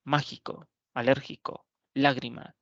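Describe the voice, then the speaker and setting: A male teacher giving an explanatory grammar lesson, asking rhetorical questions, answering them himself, and saying example words slowly. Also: medium pitch, level tone, no echo. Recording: dull lo-fi dry recording.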